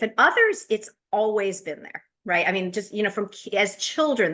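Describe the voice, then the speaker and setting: A woman's voice: medium pitch, pushed and bright. A woman from the United States hosting a podcast interview, chatty, with frequent fillers and restarts. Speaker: podcast host. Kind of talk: casual interview introduction.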